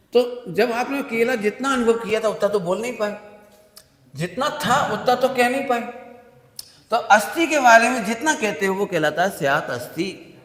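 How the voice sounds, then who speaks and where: High-voiced guy teaching a class, keeps asking "got it?", long hall echo. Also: fairly bright tone. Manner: keeps asking listeners if they understood; explains slowly with everyday examples. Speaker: religious teacher leading a workshop. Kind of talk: classroom-style religious discourse. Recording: reverberant hall sound.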